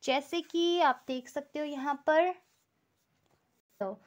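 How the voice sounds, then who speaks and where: A woman's voice: high voice, slow. A woman teaching a language step by step, patient and repeating each example.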